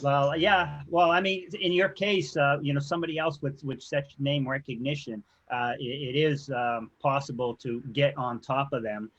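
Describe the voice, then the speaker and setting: Man guest, mid-pitched, joking, dull lo-fi video call sound. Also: steady tone, moderate pace, few pauses, a bit bright. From Boston. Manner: joking, hesitant with fillers. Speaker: guest SEO expert. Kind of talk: casual talk show chat.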